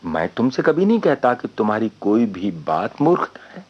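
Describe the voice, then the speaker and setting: A man's voice: lowish voice, very animated. An actor in a radio play voicing a thoughtful man who muses on life to his friend. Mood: reflective. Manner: slow, reflective, lecturing his friend. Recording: dull lo-fi radio recording.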